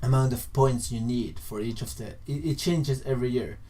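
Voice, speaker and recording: A young adult from Finland, a native Finnish speaker with a Finnish accent, talks informally to camera as a vlogger in a casual explainer. He rephrases haltingly while explaining, in a soft, mellow, medium-pitched voice.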